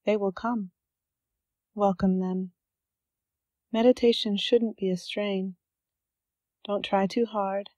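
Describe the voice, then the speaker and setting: A woman guides a scripted meditation, offering soft, calm instructions and leaving unhurried pauses. Her voice sits in the mid range, and there is no room sound.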